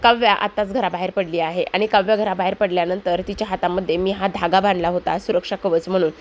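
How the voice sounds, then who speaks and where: A woman's voice: fairly low pitch, fairly even intonation, quick pace, a little hiss or hum, lightly acted. A woman voicing an anxious, fretful middle-aged mother-in-law in a serial recap. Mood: worried.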